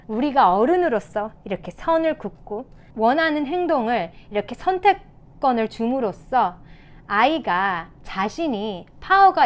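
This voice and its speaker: A woman teacher giving parenting tips in a casual talk to camera, explaining patiently and acting out sample lines a parent might say. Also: on the high side.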